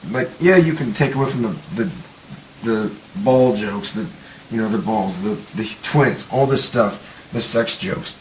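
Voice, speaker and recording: A man's voice: lowish voice, unhurried. A young man, a guest on a podcast, rambling animatedly with lots of fillers. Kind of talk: casual chat. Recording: echoey room, faint hiss.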